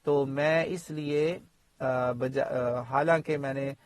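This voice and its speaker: A man giving a spoken tajweed lesson in an explanatory way, pausing often on fillers and asides. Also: mid-range voice, steady tone, dry recording. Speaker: Quran teacher and imam.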